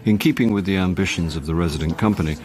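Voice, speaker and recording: In a radio drama, an actor plays a wry, world-weary middle-aged actor recounting his own hard-drinking life with dry self-deprecation and a resigned mood. His low voice races along, lightly acted, over crowd noise.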